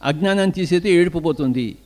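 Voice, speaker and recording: Older man with Telugu accent, spiritual teacher, drills his point through repeated questions, slightly high voice. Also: fast talker, darkish tone. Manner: rhetorical questions answered in repeated short lines. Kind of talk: spiritual discourse.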